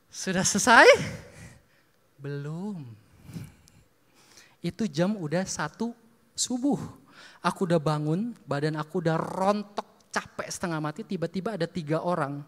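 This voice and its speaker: Lively male preacher in a reverberant hall. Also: on the high side. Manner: lively storyteller, acts out dialogue, laughs often. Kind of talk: sermon storytelling. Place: church hall. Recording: long reverb of a church hall.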